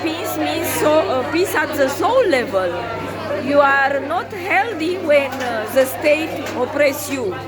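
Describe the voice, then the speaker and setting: A woman interviewing people at a forum, asking slow, halting questions with many fillers. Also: high voice, expressive. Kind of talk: vox pop interview questions. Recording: loud crowd and music in a busy hall.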